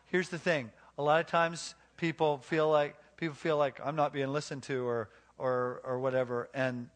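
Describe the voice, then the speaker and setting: A man's voice: a little high, fairly even intonation, moderate pace. A man preaching on marriage to a live congregation. He tells folksy stories full of restarts and asks the crowd questions. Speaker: pastor.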